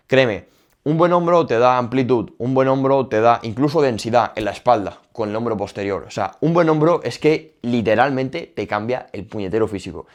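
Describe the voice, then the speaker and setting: A young man with a Spain Spanish accent giving casual, emphatic training advice, repeating his points directly. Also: mid-range voice. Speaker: fitness youtuber. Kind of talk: casual gym advice talk.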